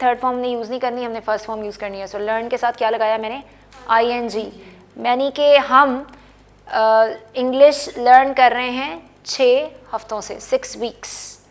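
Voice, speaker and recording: Woman teaching English, slightly high, gravelly. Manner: explains patiently, checks in with "okay?". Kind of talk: bilingual classroom lesson.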